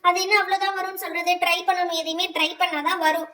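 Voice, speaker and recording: A woman's voice: very high voice, little pitch movement, quick pace, sharp tone, recorded from a distance. A woman voicing a strict, nagging female schoolteacher who lectures her pupils in a doll play. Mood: scolding. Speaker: teacher.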